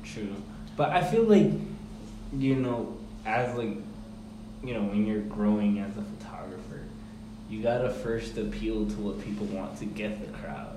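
A man's voice: lowish voice, measured pace. A man as a podcast guest, chatting casually in blunt, slangy language, his voice carrying big room echo. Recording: echoey reverberant room, faint background noise.

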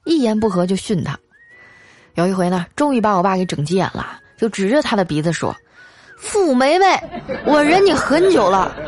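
Chatty woman telling funny family stories. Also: medium pitch. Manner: lively, chatty, teasing. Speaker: storyteller. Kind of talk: comedic storytelling.

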